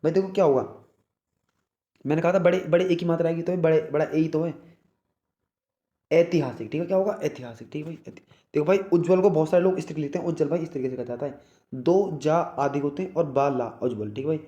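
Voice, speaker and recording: A man's voice: on the high side, quick pace, warm tone, echoey room, muffled recording. A man teaching a spelling lesson for exam prep, repeating words and checking in again and again. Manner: repeats words, keeps asking "okay brother?".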